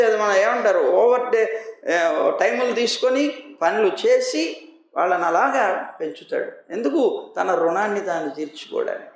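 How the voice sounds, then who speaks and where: Male religious teacher giving a devotional sermon: high voice, emphatic, repeats his points, reverberant room. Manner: emphatic, with rhetorical questions and repetition.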